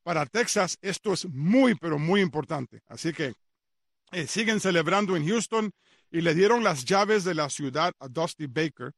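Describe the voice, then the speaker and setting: A man's voice: a little high, animated, moderate pace, no room sound, clean studio sound. A man hosting a sports radio show, chatty and repetitive, with frequent hesitant fillers. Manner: chatty, repeats details, many fillers. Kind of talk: casual radio sports commentary.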